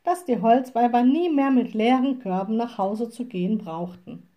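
A woman reading a children's storybook aloud in a calm, clear way. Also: fairly high pitch, moderate pace. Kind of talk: read-aloud storybook narration.

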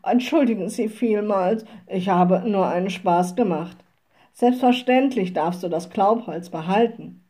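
A woman voicing a short-tempered male forest ranger who snaps and blusters loudly. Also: medium pitch, measured pace, close to an everyday voice. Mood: forced polite.

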